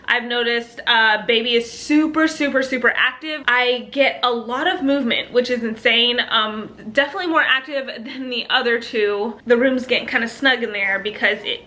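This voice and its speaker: A young woman chats to her camera in a casual, upbeat vlog. Her voice sits a bit high and rings bright and forceful, and she laughs lightly between thoughts. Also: moderate pace, hardly any pauses. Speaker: vlogger.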